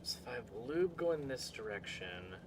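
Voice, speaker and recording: In a noisy recording, this mid-range male voice moves at a moderate pace with big pitch swings. While playing a building game on stream, he talks through puzzles under his breath and occasionally says hello to chat.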